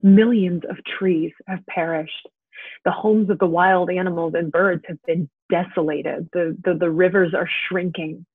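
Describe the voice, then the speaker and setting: A gentle, wistful actress with a husky, lowish voice talks to an old friend by phone in an intimate, naturalistic audio drama monologue. The recording is dry, with the tinny, band-limited sound of a phone line.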